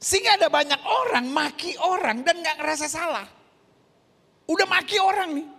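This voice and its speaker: A man preaching a sermon, animated, questioning the congregation and acting out voices. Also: very high voice, moderate pace, in a large hall. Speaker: pastor.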